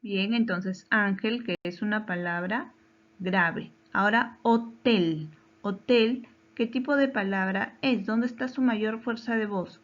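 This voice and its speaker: A woman teaching a children's grammar lesson, asking questions and answering them herself in slow, careful steps. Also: medium pitch, lo-fi sound. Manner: slow, careful, questioning delivery with deliberate pauses.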